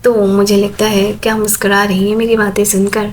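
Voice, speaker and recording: A woman's voice: mid-range voice, level tone, slight background noise, close to an everyday voice. A woman voicing a coaxing phone caller.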